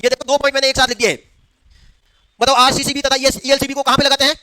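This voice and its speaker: In a very high, fast voice, a man lectures a class, firing off questions and then answering them himself. His tone is bright and level, and the recording is dry with no echo.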